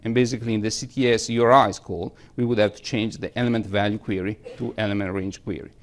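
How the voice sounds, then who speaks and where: A man presenting at a technical conference, recapping advice and answering a question in a measured way. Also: on the low side, fairly even intonation. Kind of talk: conference tech talk. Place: conference room.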